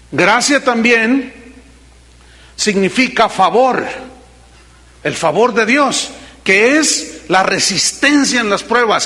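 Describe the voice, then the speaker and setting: A middle-aged pastor with a Mexican Spanish accent delivers a sermon in a high-pitched voice. He tells folksy stories, moving between teasing asides and earnest appeals. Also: bright, forceful tone.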